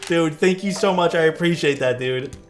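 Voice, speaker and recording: A man with a soothing, slightly high voice chats casually on a live stream at a moderate pace while building a keyboard. Relaxed and talkative, he reads viewer chat aloud and answers it. Clear background music and keyboard clacking sit under his voice, along with a little hiss or hum.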